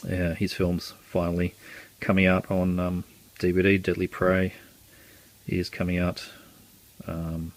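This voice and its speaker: Speaking low, monotone and unhurried, with frequent pauses, a man walks through his collection as a vlogger. The show-and-tell is loose and rambling, peppered with ums and uhs and dry jokes at his own expense.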